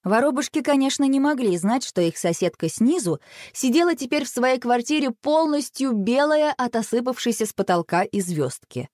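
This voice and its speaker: A woman reading a children's storybook aloud in an expressive, animated way. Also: a little high, moderate pace, no echo, studio quality.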